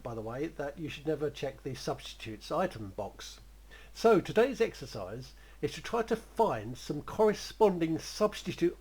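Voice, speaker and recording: A man talks through a creative writing exercise in a loose, rambling way and chuckles as he goes. His voice is husky and sits fairly high for a man. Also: a little mellow, poor audio. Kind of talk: spoken writing lesson.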